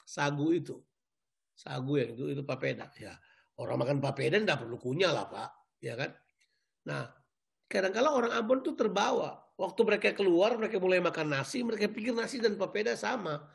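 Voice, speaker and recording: A male pastor preaching a sermon in a lively, joking way, repeating key words back to the congregation. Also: sits high, fairly quick, vocal fry.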